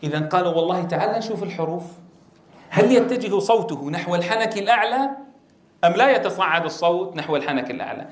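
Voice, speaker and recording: Man, Quran recitation teacher, fairly high voice, quizzes the class and sounds out letters loudly, echoey room. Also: lively intonation, fast talker. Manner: drills letter sounds aloud, asks the class questions; loud stressed demonstrations of letters. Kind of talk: tajweed lesson to trainee teachers.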